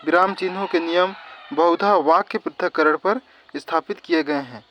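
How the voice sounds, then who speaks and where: Guy teaching grammar for exams, fairly high voice, repeats stuff step by step. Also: moderate pace, fairly bright tone. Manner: explains step by step, repeats definitions. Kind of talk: exam-prep grammar lesson.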